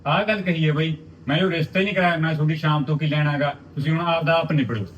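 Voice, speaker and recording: A woman's voice: sits low, close to an everyday voice. An actress playing a worried middle-aged mother, hurriedly retelling how a marriage proposal was refused. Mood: aggrieved. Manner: rapid, aggrieved retelling. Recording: dull, distant audio with faint background noise.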